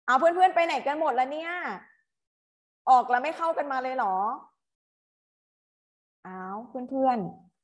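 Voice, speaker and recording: A woman's voice: sits high, expressive, measured pace, pauses often, dull audio. A woman teacher tutoring students through an English exam, patient and coaxing, reading English terms aloud and explaining them.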